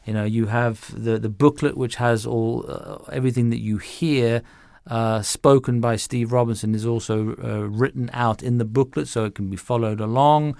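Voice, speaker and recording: A music director, appearing as an interview guest, talks conversationally in a mid-pitched, slightly gravelly voice with a darkish tone and fairly even intonation. His explanations come haltingly, and he often doubles back on words. The recording is dry and close, with no echo.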